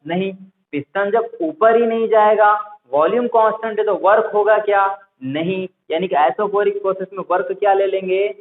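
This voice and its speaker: A man's voice: high voice, fairly even intonation, normal speed. A male teacher gives a classroom lecture. He keeps asking the class questions and then answers them himself. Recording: echoey room over a tinny, phone-like line.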